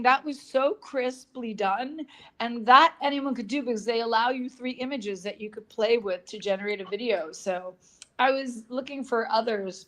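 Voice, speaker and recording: Playful woman, slightly high voice. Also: a bit bright. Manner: playful, joking. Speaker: co-host. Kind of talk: casual video podcast chat.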